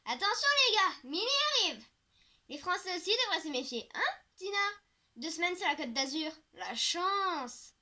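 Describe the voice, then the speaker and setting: Bubbly boy-crazy teen girl, voiced by a woman; high-pitched, eager, teasing. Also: normal speed, full character voice. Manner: excited, teasing. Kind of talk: audiobook character voice.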